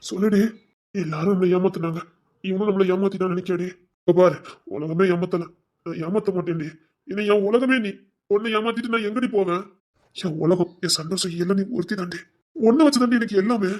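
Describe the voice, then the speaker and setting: A man's voice: sits high, fairly quick, close to an everyday voice. A man with a Tirunelveli Tamil accent playing a remorseful young husband who tenderly coaxes his pregnant wife in a domestic drama. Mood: devoted. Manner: tender, pleading, coaxing. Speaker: actor in a web series. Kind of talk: emotional domestic drama acting.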